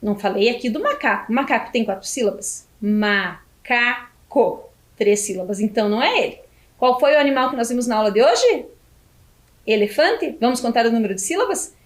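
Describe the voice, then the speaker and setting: A Brazilian Portuguese woman teaching a video lesson for young children, slowly stretching syllables as she spells words out. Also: on the high side, animated, reverberant. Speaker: primary school teacher.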